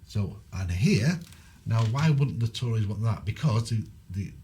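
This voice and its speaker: A man's voice: lowish voice, animated, a little slow, mellow. A man with a Mancunian accent co-hosting a political podcast, talking in an earnest, rambling way. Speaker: podcast co-host. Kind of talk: political opinion chat.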